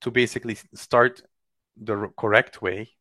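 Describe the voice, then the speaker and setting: A man's voice: on the low side, steady tone, bright, forceful tone, dry recording. A man in a casual technical discussion, talking emphatically and arguing his views. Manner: emphatic, opinionated, quick to argue.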